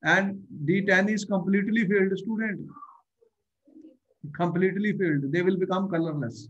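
A man's voice: high voice, fairly even intonation, normal speed. A man with a North Indian accent teaching an online lesson, repeating himself and often putting questions to the learner. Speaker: chemistry teacher. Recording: dull, muffled online-class audio.

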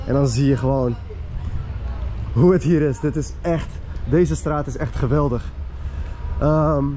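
A young man excitedly narrating a walking tour of a street to his viewers, filmed on a handheld action camera outdoors. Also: a little high, slight background noise. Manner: enthusiastic, chatty, addresses viewers directly. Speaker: vlogger, tour guide. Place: outdoor narrow city street with murals, walking.

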